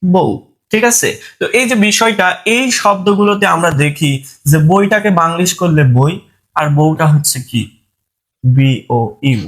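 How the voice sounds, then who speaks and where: A man's voice: high voice, normal speed, a bit bright. A man teaching a grammar lesson, asking his students questions and answering them himself. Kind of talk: online lesson.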